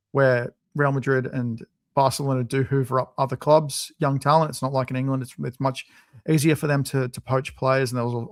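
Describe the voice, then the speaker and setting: A man's voice: medium pitch, no room sound, studio quality. A man with an Australian accent, co-hosting a podcast in casual, opinionated chat. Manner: chatty, opinionated, lively. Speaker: podcast co-host.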